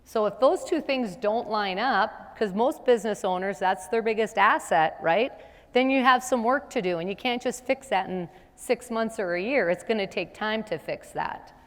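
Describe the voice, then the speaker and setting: A woman's voice: medium pitch, moderate pace. A middle-aged woman presenting a business seminar in a conversational way, often asking the audience rhetorical questions. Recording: long hall reverb.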